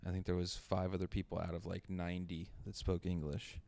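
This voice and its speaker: A man's voice: low-pitched, completely flat delivery, brisk, gravelly, dark tone. A man guesting on a podcast, talking casually and rambling with lots of "like" and restarts. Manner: rambling, many likes and restarts. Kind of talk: casual chat.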